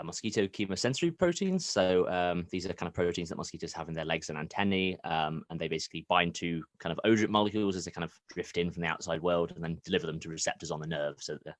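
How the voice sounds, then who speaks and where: A deep-voiced man with a plain middle-class English university accent talks quickly in a casual remote podcast chat. He hedges with "um" and "kind of" and laughs at himself. The recording is dry and close, with no room sound. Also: no room sound. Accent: middle-class southern English university accent. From Derby, England. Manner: self-deprecating, chuckles often, hesitant fillers. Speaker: podcast editor, postdoc researcher.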